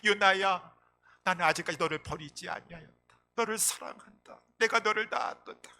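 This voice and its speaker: Here is God as a loving father who takes back a runaway child, voiced by a male preacher. The voice is bright and carrying, set a touch high for a man. Every word comes as an emphatic proclamation of love. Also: moderate pace, slight background noise, heavily acted. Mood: tender, proclaiming. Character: loving divine father, male, forgiving and tender.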